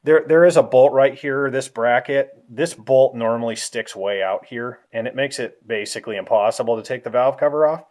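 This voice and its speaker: A man giving a casual how-to walkthrough of an engine in a garage, talking in a relaxed, rambling way with ums and self-corrections, a little out of breath. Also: mid-range voice, normal speed, few pauses. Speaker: car hobbyist vlogger.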